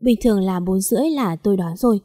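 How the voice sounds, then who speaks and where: A woman reading a first-person story aloud in a calm, even storytelling manner. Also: mid-range voice, fast, husky, no room sound, clean studio sound. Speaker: story narrator. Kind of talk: scripted story narration.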